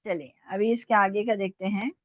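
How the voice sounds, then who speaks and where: A woman's voice: mid-range voice, steady tone, moderate pace, no echo. A woman teaching an Urdu lesson online, patiently sounding out letters and checking that her students follow. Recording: tinny phone-like dry sound.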